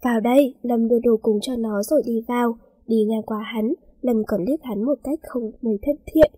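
Husky-voiced woman reading a story. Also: fairly high pitch, fairly even intonation, moderate pace, mellow, no room sound, poor audio. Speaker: story narrator. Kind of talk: read-aloud story narration.

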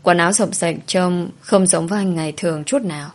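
A woman narrating a first-person audio story in a soft, sorrowful storytelling manner. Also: lowish voice, fairly quick.

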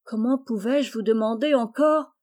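A timid young servant girl from a storybook, humble and hesitant in every phrase, as a woman reader puts her on. The voice is mellow and warm, close to the reader's own. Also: a little high, moderate pace, natural voice. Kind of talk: storybook reading.

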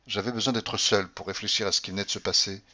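A man giving a measured, expressive audiobook reading of a classic novel. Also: on the low side, lo-fi sound. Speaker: audiobook narrator. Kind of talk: literary audiobook narration.

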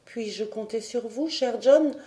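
A woman reading an audiobook voices a brave young woman, speaking in a soft, earnest, pleading way. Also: a little high, slow pace, voice pushed up.

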